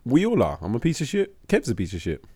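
A man's voice: medium pitch, wildly swooping pitch, quick pace, warm tone, husky. A British man co-hosting a podcast with casual comic banter, joking in slangy, sweary language. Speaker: podcast co-host.

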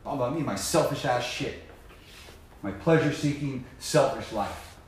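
Man, mid-pitch, slangy motivational talker on sobriety, swearing often, swinging from quiet asides to loud preaching; very roomy echo, faint ambience. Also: normal speed, slight background noise. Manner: swings from low muttering to loud emphatic preaching, heavy cursing, slangy. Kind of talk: impassioned motivational monologue. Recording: very echoey room.

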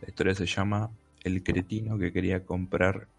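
A man, a podcast co-host reading stories aloud with a steady, plain delivery. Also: sits low, moderate pace, creaky, faint music behind.

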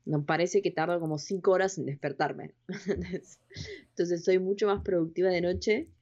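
A woman co-hosting a casual podcast chat, relaxed and agreeable, answering with short affirmations. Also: lowish voice, normal speed. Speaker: podcast co-host. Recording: dull lo-fi sound.

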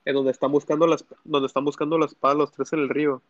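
A young man, recapping a show in casual podcast chat, rambling and restarting often. His voice sits mid-pitch. The sound is dry and dull, lo-fi. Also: little pitch movement, quick pace, no echo. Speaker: podcast co-host.

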